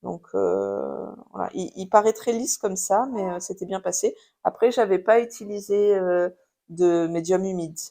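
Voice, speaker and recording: A woman's voice: mid-range voice, big pitch swings, moderate pace, dark tone. Chatty French woman showing craft buys. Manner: chatty, many fillers and restarts. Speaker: craft YouTuber showing purchases. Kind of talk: casual haul video chat. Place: home with a baby nearby.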